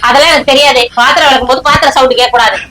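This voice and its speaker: A woman's voice: high-pitched, fairly even intonation, noisy background. A woman in a scripted comedy sketch, bossily giving orders. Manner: bossy, giving rapid orders.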